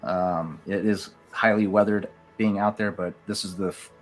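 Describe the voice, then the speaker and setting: A game master voicing a polite, formal admin droid who sounds like an apologetic butler, with stiff, overly courteous phrasing. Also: male voice, low-pitched, steady tone, moderate pace, faint music behind, close to an everyday voice, poor audio.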